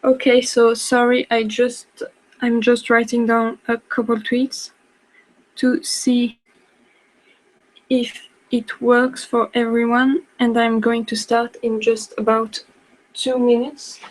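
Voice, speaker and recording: A woman's voice: on the high side, level tone, slow pace, rough recording. A young woman from France with a French accent, a non-native speaker, apologizing often and restarting sentences as she presents a live online workshop. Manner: apologetic, hesitant, many restarts.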